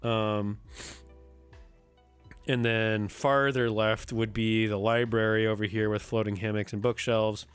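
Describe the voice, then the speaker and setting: Slow, low-voiced man with a sick voice. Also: flat delivery, smooth, faint music behind. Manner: thinks aloud, counts under his breath, muttering. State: sick, rough voice. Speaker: streamer and host. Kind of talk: casual live-stream chat while building a map.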